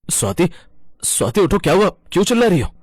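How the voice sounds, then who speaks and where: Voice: mid-range voice, big pitch swings, fast talker, no echo, clean studio sound. A performer voicing an earnest, worried husband in a cartoon. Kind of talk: cartoon voice acting.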